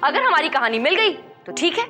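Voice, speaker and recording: A woman's voice: high-pitched, sing-song, moderate pace, pushed and bright, heavily acted. An actress playing a stubborn, sceptical woman who argues emphatically in a comic television courtroom. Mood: defiant, challenging. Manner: argumentative, emphatic. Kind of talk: broad television sitcom acting. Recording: music playing behind the voice.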